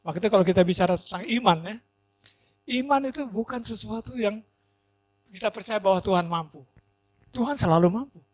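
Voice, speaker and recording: Man pastor, high voice, faint hum behind. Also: a little fast, long pauses. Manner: emphatic preaching with swings from loud to hushed. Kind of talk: sermon.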